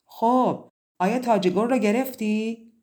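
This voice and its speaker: Woman playing a harsh, loud stepmother. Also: fairly low pitch, lively intonation, lightly acted. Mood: angry. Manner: loud, sharp, accusing. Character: harsh scolding stepmother, middle-aged woman.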